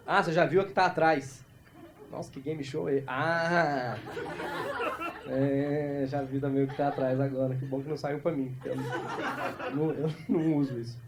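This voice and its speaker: A man from Brazil doing improvised stand-up crowd work, talking fast and teasing the audience on a club stage. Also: medium pitch, steady tone. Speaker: stand-up comedian. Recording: live club recording with audible crowd noise.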